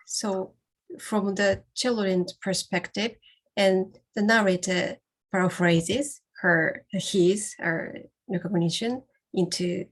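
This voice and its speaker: Woman presenter talking super slow, halting, tons of uh and um between words. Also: mid-range voice, fairly even intonation, low-quality recording. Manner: very halting, long pauses and fillers. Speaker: panel presenter. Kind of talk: academic panel discussion.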